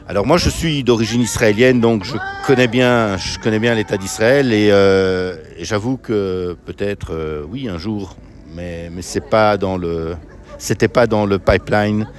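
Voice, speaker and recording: Casting: middle-aged Belgian man, low and halting, outdoor interview. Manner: halting, many restarts. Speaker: volunteer. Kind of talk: street interview. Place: outdoors at an evening barbecue.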